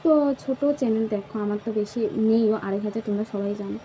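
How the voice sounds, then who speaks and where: Mellow-voiced woman vlogger from Assam. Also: medium pitch, quick pace. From Assam, India. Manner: hesitant, many fillers and restarts. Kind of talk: casual chat to viewers. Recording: slightly dull recording with faint background noise.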